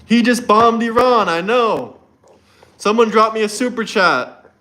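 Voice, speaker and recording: High-pitched and sharp, his voice moves a little slowly. He's a young man from Florida, United States, hosting a relaxed livestream indoors in Montenegro, reading viewer comments, chatting loosely and often repeating himself.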